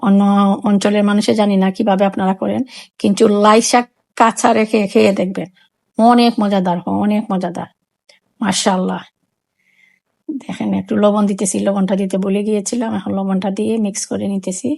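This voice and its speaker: A woman with a Sylheti Bengali accent, a cooking vlogger from Sylhet, Bangladesh, talks viewers through home cooking, repeating phrases and explaining each step. She speaks a bit fast, in a medium-pitched, gravelly, slightly mellow voice with fairly even intonation.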